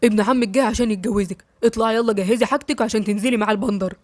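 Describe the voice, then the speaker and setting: A woman's voice: fairly high pitch, steady tone, racing, darkish tone, no room sound, close to an everyday voice. Woman voicing a stern domineering Egyptian grandfather. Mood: commanding. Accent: Egyptian Arabic. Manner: harsh commanding orders.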